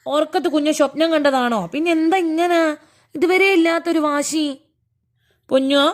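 A woman's voice: sits high, normal speed. A mother in a home vlog, soothing and pleading with her crying little boy in repetitive baby talk. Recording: loud noisy home recording. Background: toddler crying loudly.

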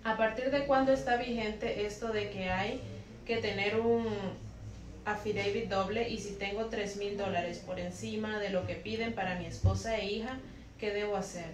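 A woman reads viewers' questions aloud in a plain, matter-of-fact way, one question after another. Her voice sits at a middle pitch. The room is echoey, she is a bit off-mic, and faint background noise runs underneath. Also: steady tone, moderate pace, distant mic. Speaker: co-host reading viewer questions.

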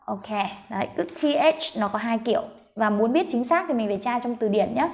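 A woman with a high-pitched voice leads a pronunciation lesson. She works through each word sound by sound, patiently modelling how to say it. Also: animated, gravelly, a little mellow. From Vietnam. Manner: patient, spells sounds slowly, models words. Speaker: English pronunciation teacher.

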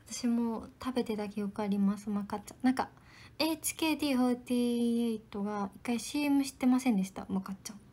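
Chatty young woman, bright higher voice. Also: fast. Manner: chatty and polite, with frequent soft whispered asides. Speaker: idol trainee livestreamer. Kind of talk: casual livestream chat answering viewer comments.

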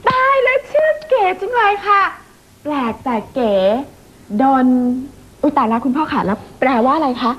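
A gushing, spoiled young daughter. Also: female voice, high-pitched, very animated, normal speed, lo-fi sound. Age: young adult. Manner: sugary, gushing and teasing.

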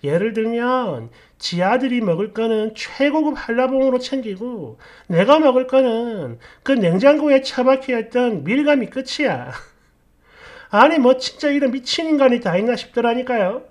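Woman storyteller, casual narration, blunt and sarcastic, pitch swinging up and down a lot. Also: lively intonation, moderate pace, darkish tone.

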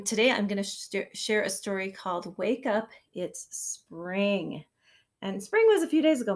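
A woman kindergarten teacher reading a picture book aloud to her class, gentle and expressive, sometimes dropping to a soft whisper. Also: medium pitch. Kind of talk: storybook read-aloud for children.

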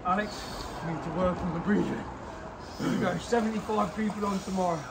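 High-voiced young man, chilled from cold water. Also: a little fast, vocal fry. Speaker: fitness live-stream host. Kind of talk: casual live-stream chat, rallying viewers. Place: outdoors, in and beside a park river. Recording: noisy outdoor recording.

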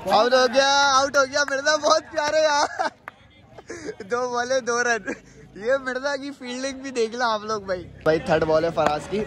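A man's voice: very high voice, moderate pace. Young man calling street cricket. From Pakistan. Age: young adult. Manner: eager, counting balls and runs, cheering teammates. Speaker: vlogger and team player. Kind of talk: ball-by-ball match commentary. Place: outdoor street cricket ground at night. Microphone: handheld phone. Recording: outdoor phone audio with crowd noise.

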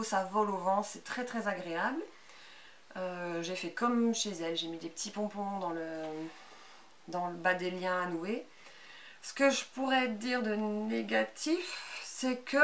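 This sewing vlog features a thirtysomething woman with a Belgian French accent and a medium-pitched, fairly bright voice, chatting casually about her handmade clothes without a script. The space is a small, bright indoor sewing room. A camera a couple of metres off picks up her voice and background noise.

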